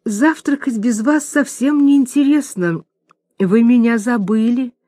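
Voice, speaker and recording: A woman voicing a timid, lovestruck male professor who speaks softly and slowly, with breathless adoration. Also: very high-pitched, no room sound, pitched above the performer's own voice. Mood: adoring. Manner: soft-spoken, drawn-out, breathless adoration.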